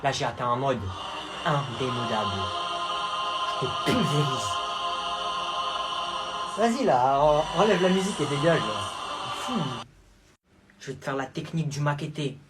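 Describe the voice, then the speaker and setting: A man's voice: medium pitch, a little slow, long pauses, loud music behind the voice, voice pushed down, poor audio. A man playing a cocky teenage guy who mocks and brags about fighting, in a comedy sketch. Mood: mocking. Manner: mocking, boastful, deadpan. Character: cocky teen boy bragging about fighting.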